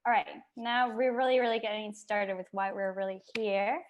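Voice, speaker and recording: A woman's voice: medium pitch, fairly even intonation, normal speed, dull audio. A woman hosting an online workshop on a video call, upbeat and chatty, with frequent fillers. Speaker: workshop host.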